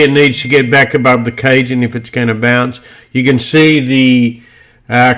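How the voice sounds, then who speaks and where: A man with a mid-pitched voice talks through trading charts in a loose, rambling way. He thinks aloud as he goes and fills the gaps with fillers. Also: a bit bright. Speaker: market analyst presenting charts. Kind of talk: screen-share chart walkthrough.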